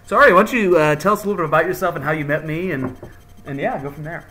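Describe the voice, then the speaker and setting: A man's voice: a little high, racing, pushed and bright, rough recording. A man hosting a podcast in a casual, jokey, hyped-up chatting style. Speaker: podcast host. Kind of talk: casual chat.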